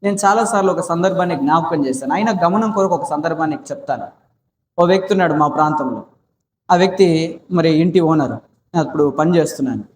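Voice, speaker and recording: A man with a high voice preaching in a prayer house, weaving a story into his sermon. He asks rhetorical questions and answers them himself. The room echoes, with a faint murmur behind him. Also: fast, a little hiss or hum. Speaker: pastor.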